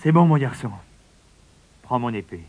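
A man's voice: mid-range voice, lively intonation, moderate pace, a little mellow, close to an everyday voice. A man voicing an older king who speaks with commanding force in a storybook reading. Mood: doubtful. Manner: thundering, commanding.

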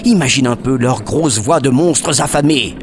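A man narrating a children's story expressively, dropping to a hush at suspenseful moments. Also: medium pitch, normal speed, music in the background.

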